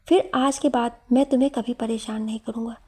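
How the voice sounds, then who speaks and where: A woman's voice: on the high side, fairly even intonation, fairly quick, darkish tone, slightly rough. Woman reading as a lovestruck young professor. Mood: pleading. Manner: teasing, pleading. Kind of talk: storytelling narration.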